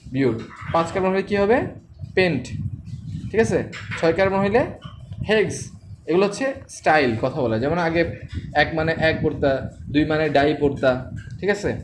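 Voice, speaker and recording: A man's voice: fairly high pitch, animated, normal speed, long pauses. Chemistry tutor quizzing his class, noisy recording. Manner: quizzes students with repeated questions. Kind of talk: classroom teaching.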